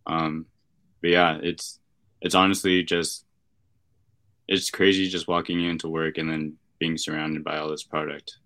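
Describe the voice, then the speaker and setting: A young man chatting casually as a podcast guest, laid-back and slangy, pausing to find his words. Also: extremely low pitch, flat delivery, sharp tone, no echo. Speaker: podcast guest, card shop worker. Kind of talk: casual chat.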